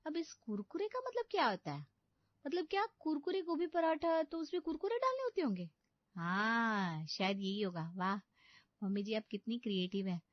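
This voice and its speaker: A woman's voice: fairly high pitch, very animated, moderate pace, dry recording, muffled recording. A woman voicing a naive, dim-witted young bride who talks innocently and sweetly in a cartoon story. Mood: musing.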